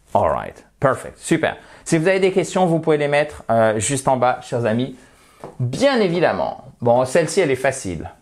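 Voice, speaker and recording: A man gives an online English pronunciation lesson at an unhurried pace. He explains casually to his viewers, then says each model word slowly and several times in a row so they can repeat it. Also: mid-range voice. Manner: explains in a relaxed, chatty way to viewers.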